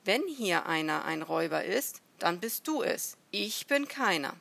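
A woman's voice: fairly low pitch, animated, measured pace, gravelly, fairly bright tone, heavily acted. A woman voicing a proud, guarded foreign boy prince who calls back firmly in a storybook reading.

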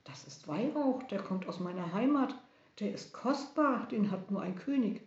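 A woman's voice: medium pitch, animated, moderate pace, natural voice. A woman voicing an earnest, proud young male traveler who explains things. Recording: roomy, dull recording.

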